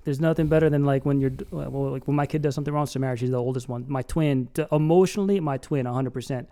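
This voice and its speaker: A man's voice: medium pitch, fairly even intonation, fast talker, mellow. A man hosting a podcast, chatting casually with an upbeat, joking, storytelling manner. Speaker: podcast host. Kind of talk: casual interview conversation.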